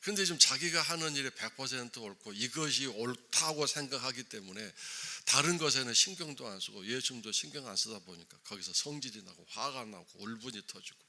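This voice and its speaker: A man's voice: medium pitch, expressive, a little fast, sharp tone. A man preaching a dawn sermon in a church, asking the congregation emphatic rhetorical questions. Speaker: pastor. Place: church, early morning service.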